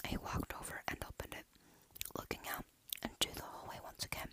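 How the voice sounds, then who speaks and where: A storyteller reading a dark horror story aloud in a steady, hushed whisper. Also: fairly quick.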